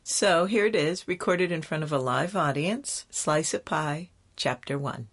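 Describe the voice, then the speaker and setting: A woman's voice: low-pitched, expressive, unhurried, breathy edge. A woman co-hosting with her husband in casual chat, cheerful and teasing. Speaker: co-host, host's wife.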